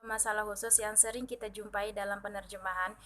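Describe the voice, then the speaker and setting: A woman's voice: mid-range voice, flat delivery, brisk, fairly bright tone, a little hiss or hum, rough recording. A woman student giving a class presentation, laying out her points one by one in an orderly way.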